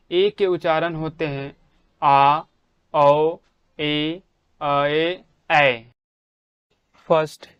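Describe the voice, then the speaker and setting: A man teaching English pronunciation in a slow, deliberate way, saying each example word out loud with strong stress. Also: a little high, smooth, no room sound, highs cut off. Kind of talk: slow spelled-out pronunciation lesson.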